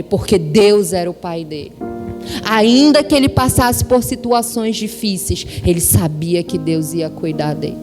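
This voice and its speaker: A Brazilian woman giving a sermon testimony, telling her story with lively acted-out dialogue. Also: lowish voice. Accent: Brazilian Portuguese. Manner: animated storytelling, acting out dialogue. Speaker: pastor's wife preaching. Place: church hall with worship music behind. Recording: long hall reverb, music underneath.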